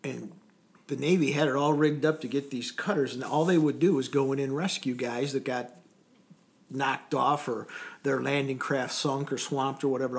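Gravelly man telling service stories. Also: medium pitch. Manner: rambling, chuckling anecdotes with restarts. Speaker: interview guest, former Coast Guard sailor. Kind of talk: casual storytelling.

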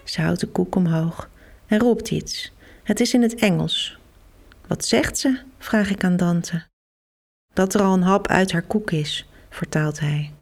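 Female storyteller, young adult, unhurried read-aloud for children, animated character lines. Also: on the low side. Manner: lively storyteller, gives characters' lines their own voices. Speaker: host and storybook reader. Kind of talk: reading a children's book aloud.

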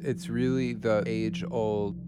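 A man's voice: lowish voice, little pitch movement, slow pace, over loud music. A man speaking as an interviewer, commenting in a conversational way.

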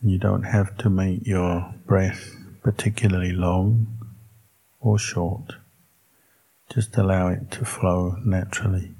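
Leading a guided meditation, the Buddhist monk keeps a calm, measured delivery with long pauses between brief phrases. His voice is low, gravelly, and husky.

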